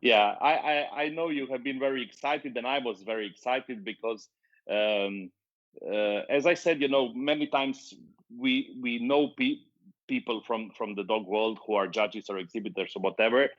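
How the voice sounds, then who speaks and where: A man hosting a live-streamed interview, speaking in halting full of fillers and restarts, reading viewer comments aloud. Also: medium pitch, steady tone, a bit bright. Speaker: interview show host. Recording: dull lo-fi stream audio.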